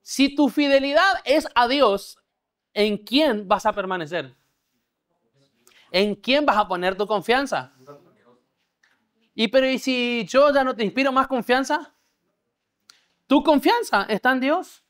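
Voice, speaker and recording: Pastor preaching a discipleship sermon. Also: male voice, extremely high pitch, expressive, takes it slowly, long pauses, fairly bright tone. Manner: checks understanding, leads call-and-response. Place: church gathering with a live congregation.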